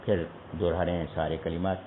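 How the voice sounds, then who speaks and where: A man's voice: deep voice, little pitch movement, background noise. A man teaching a Quran recitation lesson, patiently spelling out pronunciation syllable by syllable. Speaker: religious teacher. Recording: echoey tinny lo-fi broadcast audio.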